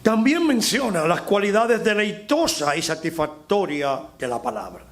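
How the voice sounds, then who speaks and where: A middle-aged Dominican man preaching a sermon as pastor, slowing down and rising on key phrases for emphasis. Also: high voice, sing-song, fairly bright tone. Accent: Dominican Spanish. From Dominican Republic.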